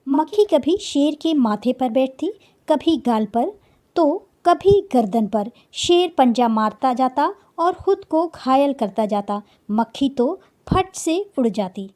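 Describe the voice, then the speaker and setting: A woman's voice: sits high, expressive, takes it slowly, warm tone. A woman teacher reading a children's story aloud and patiently explaining the meaning of each word.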